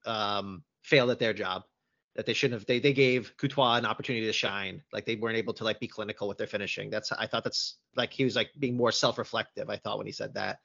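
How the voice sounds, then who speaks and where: A man's voice: on the low side, steady tone, fast talker, vocal fry, a bit bright, muffled recording. A man hosting a casual football debate, thoughtful and hedging as he talks things through.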